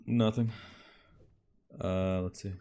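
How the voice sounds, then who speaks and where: A man's voice: sits low, steady tone, takes it slowly, warm tone. A young man chatting casually while gaming, with a slangy, sweary frat-bro way of talking. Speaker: gamer playing an online raid. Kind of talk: casual gameplay chat.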